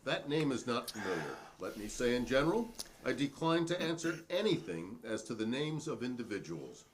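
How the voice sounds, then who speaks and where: Performing a dramatic transcript reading, a man voices a defiant, proudly principled witness at a hearing, formal and pointed in manner. His mid-range voice is very animated and close to an everyday voice, at normal speed, with slight background noise.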